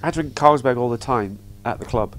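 A man's voice: medium pitch, moderate pace, soft background music. A man co-hosting a podcast, chatting and teasing his friends with frequent laughs. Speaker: podcast co-host. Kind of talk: casual banter among friends. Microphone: studio mic.

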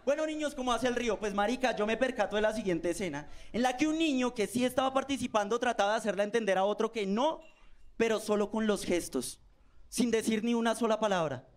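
A man's voice: sits high, fast talker. A man with a Colombian accent doing a live stand-up set, telling slangy stories and acting out voices. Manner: slangy storytelling with acted-out voices. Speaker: stand-up comedian. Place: comedy stage with a live audience. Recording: live stage recording with crowd laughter and noise.

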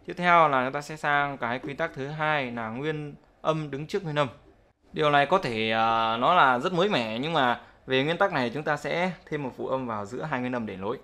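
A man's voice: a little high, moderate pace, sharp tone. A man teaching English pronunciation in a casual spoken lesson, explaining step by step and often checking that viewers follow.

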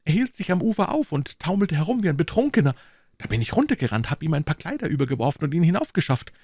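A man voicing a frantic, breathless middle-aged headmaster in an audiobook, pleading in a high, agitated voice. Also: big pitch swings, fast talker, a little mellow, breathy edge, no room sound, clean studio sound. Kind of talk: audiobook reading.

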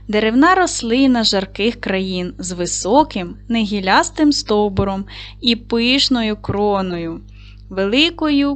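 A woman with a mid-range voice teaches young schoolchildren in an online lesson. She speaks slowly and clearly, with an encouraging classroom manner.

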